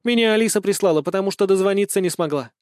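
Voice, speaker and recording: A man's voice: high voice, rapid-fire, smooth, dry recording, clean studio sound, voice pushed up, lightly acted. A man reading an audiobook, voicing a shy, modest young girl bringing news. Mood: timid. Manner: soft, modest.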